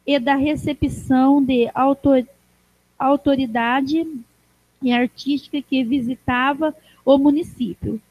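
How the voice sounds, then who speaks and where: Slow high-voiced Brazilian woman reading. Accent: Brazilian Portuguese. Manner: halting, restarts words while reading. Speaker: council member giving a tribute. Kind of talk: slow formal reading of a tribute. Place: municipal council chamber. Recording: dry, dull low-fi sound.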